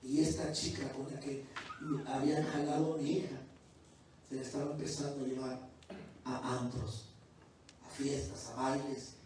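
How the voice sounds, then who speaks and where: A man who is a pastor, preaching a sermon that moves from quiet testimony to loud, fervent preaching. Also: medium pitch, flat delivery, normal speed, pauses often, a little hiss or hum. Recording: distant, very echoey church hall.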